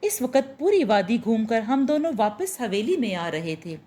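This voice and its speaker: A woman storyteller reads a spooky love story in a steady, expressive way. Her voice is mellow and warm, pitched fairly high, and moves freely up and down. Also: normal speed. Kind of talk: reading a Urdu horror-romance story.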